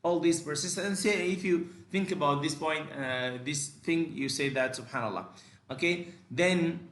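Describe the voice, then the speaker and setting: Male teacher, fairly high voice, deliberate pace, halting bilingual lecture. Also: a bit bright, reverberant. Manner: switches between halting English and rapid explanations, many fillers and restarts. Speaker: language teacher.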